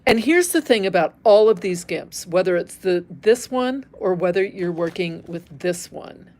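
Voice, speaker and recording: In a lowish, darkish voice that is animated yet a little slow, a middle-aged Northern Californian embroidery teacher works through a casual livestream demo. She chats openly with viewers and thinks aloud as she stitches.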